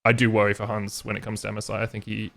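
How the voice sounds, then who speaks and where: A man's voice: lowish voice, completely flat delivery, very fast, creaky, fairly bright tone. A man co-hosting an esports podcast, giving rambling, wry analysis with dry jokes. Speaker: podcast co-host. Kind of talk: casual esports chat.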